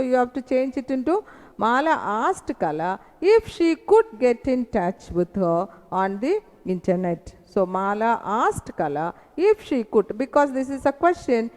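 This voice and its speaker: A woman with an Indian English accent teaching an English grammar lesson, explaining slowly and often checking that her students follow. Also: high-pitched, darkish tone, long reverb tail. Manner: explains slowly, asks "is that clear?".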